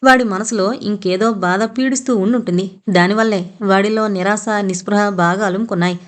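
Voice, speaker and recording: A woman's voice: medium pitch, fairly even intonation, normal speed, natural voice. A woman reading an audio novel, voicing a young man holding back tears over his brother. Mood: grieving. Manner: sorrowful, restrained.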